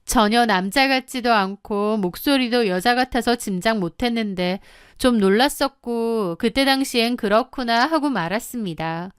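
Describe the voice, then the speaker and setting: A woman's voice: a little high, moderate pace, clean tone, dry recording, clean studio sound. A woman narrating her own story in the first person, confiding and matter-of-fact.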